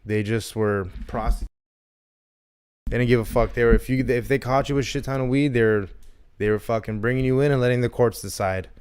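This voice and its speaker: A man in his thirties with a smooth, darkish, mid-range voice talks briskly while co-hosting a comedy podcast. It's casual chat, rambling and jokey, peppered with swearing.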